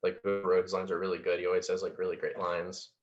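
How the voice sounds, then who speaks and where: A man's voice: sits low, monotone, quick pace, soft background music. A man casually recapping a movie plot with lots of fillers and laughs. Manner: rambling, many fillers and laughs. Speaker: podcast co-host. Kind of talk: casual chat about a film. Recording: dull lo-fi sound.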